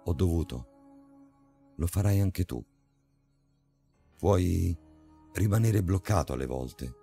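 Deep voiced detached stranger, a man doing him, talks flat and low, faint music behind. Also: takes it slowly, gravelly, heavily acted. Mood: weary. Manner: flat, quiet and weary. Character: cold, detached male stranger who lives in the subway.

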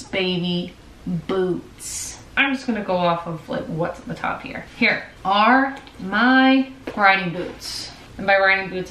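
A woman's voice: mid-range voice, a bit bright, slight background noise. Woman in her twenties, chatty and upbeat, casual vlog talk, bedroom, voice a bit distant, roomy sound. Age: 20s. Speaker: vlogger. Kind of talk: casual chat. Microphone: far camera.

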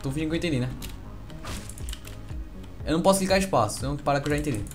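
A man with a Brazilian Portuguese accent, doing joking let's-play commentary and calling out excited greetings to his viewers. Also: on the high side, very fast, soft background music. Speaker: gaming youtuber.

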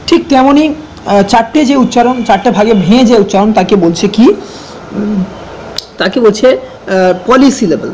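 A man, teaching an English grammar lesson, speaking slowly and patiently, repeating each definition and spelling words out letter by letter. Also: sits high, darkish tone, slight background noise, rough recording.

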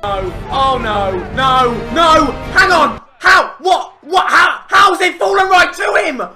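A young British man reacting to a football video game in a bedroom, exasperated, sweary and repeating himself as he shouts. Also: very high-pitched, lively intonation, slow, crowd noise. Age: young adult. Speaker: gaming video creator playing a football game. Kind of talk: raging gameplay reaction commentary. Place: small furnished bedroom indoors. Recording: music playing behind the voice.

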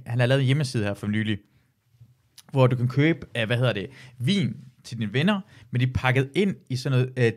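Ranting man in casual chat. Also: mid-range voice. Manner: animated, ranting, swears freely. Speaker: podcast host.

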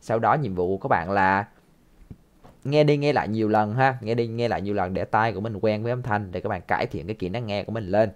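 A man's voice: lowish voice, quick pace. Male teacher, patient and repetitive, walks students through listening drills. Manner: patient, repeats phrases, ends sentences with soft tag words. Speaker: English teacher. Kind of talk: explaining a listening lesson.

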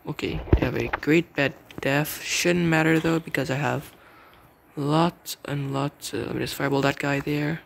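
A young man giving casual gameplay commentary, muttering to himself and repeating words rapidly in tense moments. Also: a little high, steady tone, vocal fry. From English-speaking country with its own slang. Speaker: gamer. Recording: noisy home mic.

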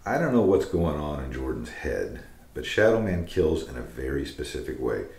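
An actor playing a stubborn older retired police officer who speaks firmly and dismissively in an audio drama. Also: male voice, rumbling low, big pitch swings, moderate pace, vocal fry, darkish tone, heavily acted. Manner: firm, dismissive, sure of himself. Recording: roomy echo.

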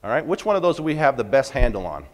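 A farmer gives a folksy storytelling lecture in a conference hall, asking the audience questions as he goes. His mid-range voice races along with big swings in pitch, and the large hall adds a long reverb.

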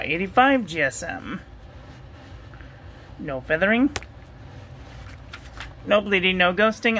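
A woman reviewing ink and paper at a home desk, talking through a steady, repetitive checklist and getting excited about the ink colors. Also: medium pitch, slight background noise, low-quality recording. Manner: enthusiastic over ink colors. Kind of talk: casual product review voice-over.

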